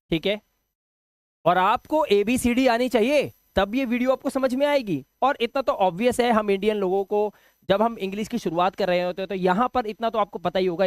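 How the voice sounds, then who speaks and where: A man's voice: high-pitched, dry recording. A man with a slightly sore throat, explaining English basics to beginners and repeating key words back as questions. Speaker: English teacher. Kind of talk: classroom explanation.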